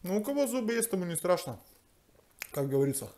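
A man's voice: sits high, big pitch swings, fast, mellow, a little hiss or hum. A man hosting a mukbang, chatting casually in a homely, folksy way while talking with his mouth full. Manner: homely, folksy, sprinkled with sayings. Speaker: mukbang host. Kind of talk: casual chat while eating on camera.

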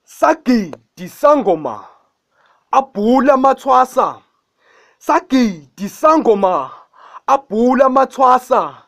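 High-pitched man declaiming poetry. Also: very animated, slow pace, fairly bright tone. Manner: impassioned, declamatory, chant-like refrains. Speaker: poet guest on radio. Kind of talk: spoken-word praise poetry recital. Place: small radio studio. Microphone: studio condenser mic with foam cover, close.

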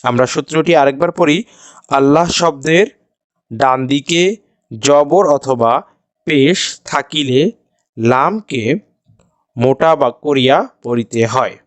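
A man's voice: mid-range voice, slow pace, pauses often, dry recording. A man teaching Quran recitation rules, patiently repeating each rule step by step and chanting the examples. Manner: chants the example words melodiously. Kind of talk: slow step-by-step tajweed lesson.

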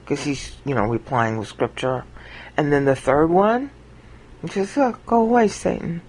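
Over a screen recording, a woman gives an informal Bible teaching, acting out quoted lines with big leaps in pitch. She talks at a moderate pace with a slightly mellow sound, and the recording quality is low.

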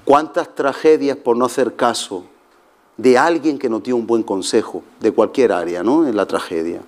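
A middle-aged man preaching a sermon as pastor, telling jokey stories with shouted asides. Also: medium pitch, normal speed.

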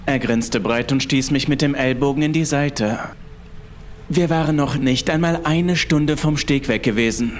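A man narrates a scripted first-person horror story at a normal speed, his medium-pitched voice carrying a slight hiss or hum. Background music plays behind him throughout.

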